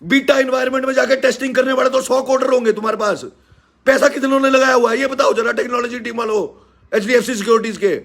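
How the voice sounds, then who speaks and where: A man with a Haryanvi accent hosting a live stream, ranting loudly and indignantly as he scolds a company. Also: extremely high pitch, level tone, fast talker, vocal fry. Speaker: live-stream host and teacher. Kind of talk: angry live-stream rant.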